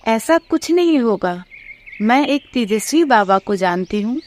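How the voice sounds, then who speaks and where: A woman's voice: on the high side, animated, unhurried, a little mellow. A woman voicing a brave young heroine in a cartoon story, firm and resolute.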